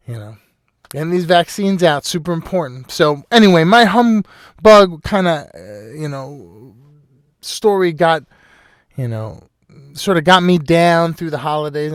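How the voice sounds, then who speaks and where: A man's voice: on the high side, a little slow, no echo, clean studio sound. A man hosting a casual solo podcast, rambling loosely with lots of "you know" and frequent laughs. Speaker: podcast host.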